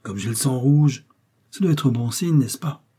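A man's voice: mid-range voice, unhurried, mellow, husky. A man voicing a boastful, simple male peasant who talks in a plain, blustering way.

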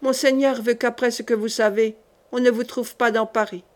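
A woman's voice: fairly high pitch, steady tone, moderate pace, natural voice. A woman reading a curt commanding captain. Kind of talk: audiobook character voice.

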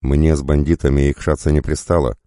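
A man's voice: very deep voice, little pitch movement, brisk, warm tone, no echo, studio quality. A man voicing a young prince, bitter and cold in his anger. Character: young boy prince, proud and vengeful.

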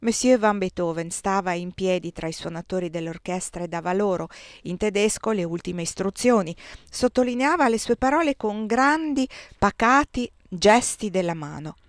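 Audiobook reader, woman, measured first-person narration with expressive shifts, mid-range voice, dry close recording. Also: mid-range voice, dry recording.

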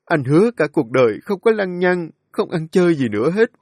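A man's voice: mid-range voice, normal speed, darkish tone, no room sound, close to an everyday voice. A man voicing a grief-stricken young husband who pleads tearfully with his dying wife. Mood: tender pleading. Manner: sobbing, pleading, voice breaking.

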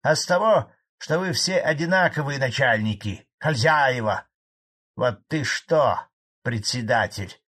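A man playing a cantankerous old collective-farm cattleman in an audiobook, talking gruffly and raising his voice well above the narrator's. The figure has a husky, slightly rough tone and grumbles indignantly at his bosses. His lines come loud, pitched up and heated. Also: animated, measured pace, heavily acted. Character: angry old male Soviet cattle farmer, blunt.

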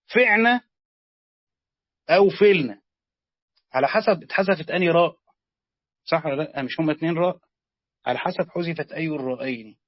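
A man with an Egyptian accent teaching a lesson, explaining slowly, repeating words and quizzing his students. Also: on the high side, no echo. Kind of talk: classroom lesson on Quranic grammar. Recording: dull lo-fi sound, dry.

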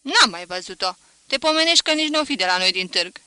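A woman voicing a flustered village mother who scolds her son in loud exclamations in a storybook reading. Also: medium pitch, animated, clear, resonant tone, no room sound. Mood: wary.

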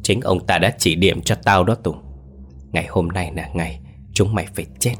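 A man's voice: low-pitched, moderate pace, a bit bright, faint music behind. A man voicing an enraged, vengeful old man. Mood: bitter. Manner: roaring, threatening.

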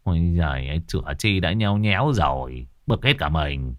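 A man voicing a gruff, grumbling village ghost-catcher. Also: low voice, expressive, normal speed, no room sound, studio quality, pitched below the performer's own voice.

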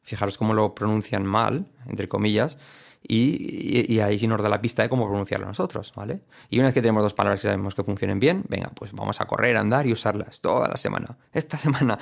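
Profesor español de voz grave y rasposa. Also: male voice, fairly low pitch. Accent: Spain Spanish. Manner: playful, explains with mock examples and repetition. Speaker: English teacher. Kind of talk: recorded audio lesson.

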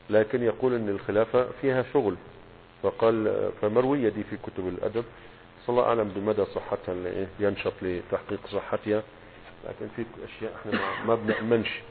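A man with an Egyptian accent teaching a grammar lesson as a sheikh, asking rhetorical questions and stressing each word pattern slowly. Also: on the low side. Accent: Egyptian Arabic. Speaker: sheikh teaching Arabic morphology. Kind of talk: classroom lecture explanation. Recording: tinny phone-like lecture recording with hum and reverb.

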